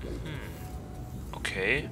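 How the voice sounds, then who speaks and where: A man's voice: medium pitch, animated, drawn-out words, background noise. A man with a German accent streaming a game, chatting playfully and getting flustered easily. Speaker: VTuber streamer. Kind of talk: casual gaming stream chat.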